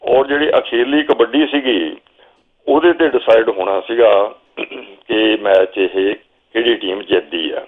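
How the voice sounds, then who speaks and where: An older Punjabi man, a guest telling a long story from memory at an unhurried pace, now and then quoting what he told the players. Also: fairly low pitch. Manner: slow reminiscing storyteller, quotes himself calling instructions. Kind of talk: storytelling interview. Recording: phone-like narrow sound.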